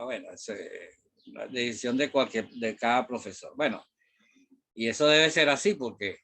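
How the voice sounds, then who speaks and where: A middle-aged math teacher from Venezuela, speaking Spanish with a Venezuelan accent, rambles casually in class in a mid-range, sharp-toned voice. His talk is full of fillers and some mild swearing.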